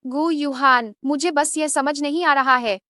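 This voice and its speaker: A woman's voice: high-pitched, fairly even intonation, a little slow, bright, forceful tone, no room sound, studio quality. An actress playing a spoiled, jealous rich young woman in a dubbed drama, haughty and scheming. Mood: indignant.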